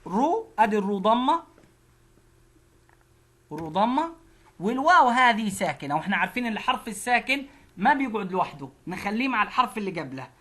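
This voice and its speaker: Egyptian female teacher, mid-pitched, patient syllable drills. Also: very animated, fairly bright tone. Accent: Egyptian Arabic. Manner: slow, repeats syllables one at a time. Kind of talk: phonics lesson drilling syllables.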